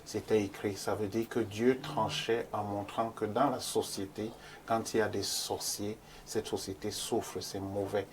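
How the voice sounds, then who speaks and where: A male reverend with a Cameroonian French accent presses to quote a verse, emphatic and insistent. His voice sits on the low side. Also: flat delivery, a little slow, a little hiss or hum. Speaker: pastor. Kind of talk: quoting scripture in debate.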